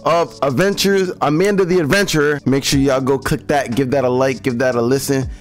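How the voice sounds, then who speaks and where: Young guy gamer w a hoarse voice, hyped and slangy, mid pitch. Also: fairly quick, faint music behind. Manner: excitable, slangy, addresses viewers often. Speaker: gaming channel host. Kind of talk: horror game reaction and outro.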